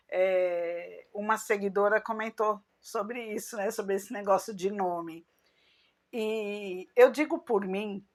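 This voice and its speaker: A middle-aged woman with a Brazilian accent shares personal memories with her channel audience. She talks at an easy, unhurried pace in a mid-range voice. She slips into little reenactments of remembered conversations. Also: mid-range voice. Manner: unhurried, chatty, acts out remembered dialogue. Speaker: vlogger. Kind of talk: personal storytelling to followers.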